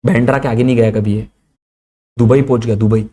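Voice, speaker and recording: A man who teaches through animated, streetwise stories and mixes in English phrases. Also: medium pitch, brisk. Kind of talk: storytelling lecture.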